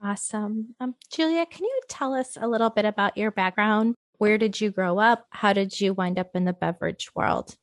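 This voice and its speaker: A woman's voice: mid-range voice, moderate pace, few pauses, no echo. A woman hosting a podcast, introducing a guest in an upbeat, welcoming way. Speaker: podcast host. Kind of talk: podcast interview.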